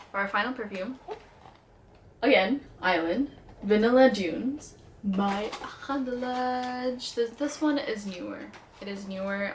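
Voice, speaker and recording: This beauty vlogger, a young woman with a slight Indian accent, talks through her perfume picks in a relaxed, upbeat review. She speaks in a mid-range voice, with faint noise in the background.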